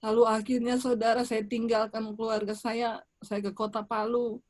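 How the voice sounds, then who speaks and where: A woman's voice: on the high side, little pitch movement, normal speed. Woman preaching a storytelling sermon. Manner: addresses the congregation as "saudara", vivid storytelling. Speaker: evangelist preacher. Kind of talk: sermon with personal testimony. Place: church service.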